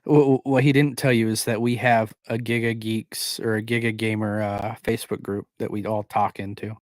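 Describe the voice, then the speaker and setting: A man's voice: on the low side, little pitch movement, no echo. Dude cohosting a stream, keeps tripping over his first words, dry mic. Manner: halting, repeats words when starting a sentence. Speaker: podcast co-host. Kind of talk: casual chat on a livestreamed podcast.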